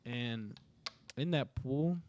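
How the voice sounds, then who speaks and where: A man's voice: medium pitch, very slow, highs cut off, very noisy. A young man casually telling a spooky story to friends on a podcast, rambling with many fillers and restarts.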